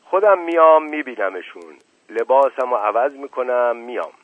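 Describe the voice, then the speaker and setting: Testy older uncle, head of the family, read by a man; dry, raspy, narrow radio sound. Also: medium pitch, lively intonation, dry recording, lightly acted. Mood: cheerful. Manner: scolding, indignant. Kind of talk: audiobook reading. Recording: narrow phone-like radio recording.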